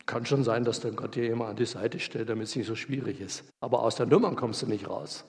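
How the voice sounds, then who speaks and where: A man's voice: medium pitch, quick pace, vocal fry. Colloquial male preacher in echoey hall. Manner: lively, colloquial, acts out scenes. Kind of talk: sermon. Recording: reverberant hall.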